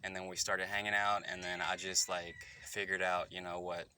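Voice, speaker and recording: Low-voiced man rambling a candid confession. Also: little pitch movement, sharp tone, a little hiss or hum. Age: 30s. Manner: rambling, halting and self-correcting. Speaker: vlogger. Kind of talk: candid personal confession to camera.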